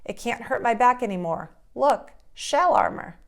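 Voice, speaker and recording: A woman voicing a cheerful, proud male turtle who speaks excitedly in a storybook read-aloud. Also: fairly high pitch, fast talker, pitched above the performer's own voice, natural voice. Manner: excited, upbeat.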